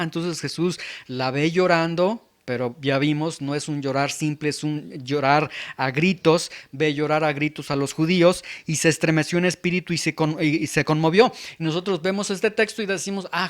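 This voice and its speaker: A man's voice: fairly high pitch, a bit bright. Emphatic man preaching a sermon. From Mexico. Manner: emphatic, repeats words and leans on key terms. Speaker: pastor. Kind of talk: expository sermon.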